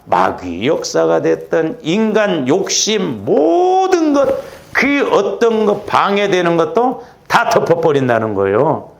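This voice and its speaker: Male pastor, higher-pitched and gravelly, lively sermon delivery with playful asides. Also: slow pace. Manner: animated preaching, acting out quarrels in asides. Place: church.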